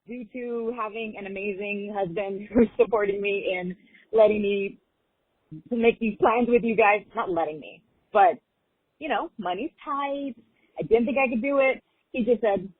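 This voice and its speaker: A woman's voice: mid-range voice, breathy edge, dry recording. A woman from Long Beach, California, leaving a rambling, gushing voicemail message over a landline phone. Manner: gushing, excited and chatty. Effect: heard over a landline phone. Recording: tinny phone-line voicemail.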